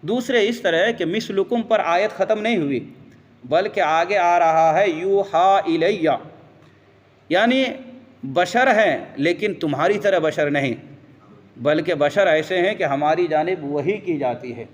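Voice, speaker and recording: In a large hall, a high-pitched religious teacher delivers a lesson one step at a time. He cites Arabic verses and responds to his own questions.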